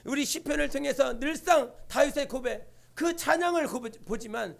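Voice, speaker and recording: Man, pastor, very high voice, gravelly, fervent sermon, rhetorical questions, church. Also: normal speed. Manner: impassioned preaching with rhetorical questions and refrains. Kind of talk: Sunday sermon. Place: church sanctuary.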